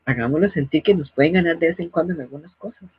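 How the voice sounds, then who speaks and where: A woman's voice: low voice, fast, breathy edge, no echo. A middle-aged woman hosting a parenting advice talk in a didactic way, now and then acting out scolding parents. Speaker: host. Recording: dull, lo-fi dry recording.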